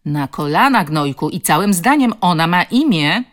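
A woman's voice: deep voice, normal speed. A woman doing a fierce scolding woman. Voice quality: strong throaty voice. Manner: scolding, commanding. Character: fierce adult woman defending a child.

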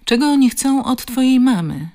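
A woman voicing a tough, rough-spoken woman with a strong, guttural voice who scolds bullies. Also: high-pitched, lively intonation, normal speed, darkish tone, pitched above the performer's own voice. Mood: gentle.

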